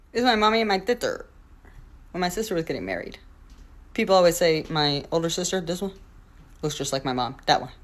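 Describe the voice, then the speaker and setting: A young woman vlogging, telling family stories in a playful, joking way and swearing freely. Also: fairly low pitch. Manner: playful, profane, jokey with quick asides. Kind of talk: casual storytelling to camera.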